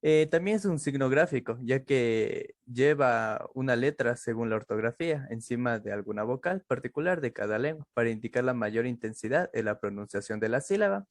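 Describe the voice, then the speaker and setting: A man's voice: mid-range voice, moderate pace, hardly any pauses, no room sound, clean studio sound. Man reading a class presentation. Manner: steady reading with occasional fillers. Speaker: student presenter.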